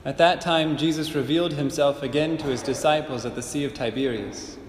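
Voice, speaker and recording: Man, priest, measured earnest delivery, cathedral echo, faint background hiss. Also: fairly high pitch. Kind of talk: gospel reading and homily. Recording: echoey church with long reverb, faint hiss.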